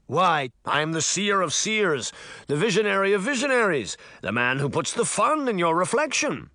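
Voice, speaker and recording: A man's voice: high-pitched, very animated, normal speed, pushed and bright, no echo, studio quality, voice pushed up, full character voice. A man voicing a vain, theatrical magic mirror that brags and sulks in a showy way. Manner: pompous, showy bragging.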